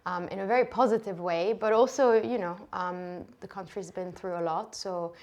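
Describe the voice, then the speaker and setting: A woman in her thirties from Lebanon, a shoe designer talking softly in a relaxed interview, with many fillers and restarts. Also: fairly low pitch, moderate pace, highs cut off.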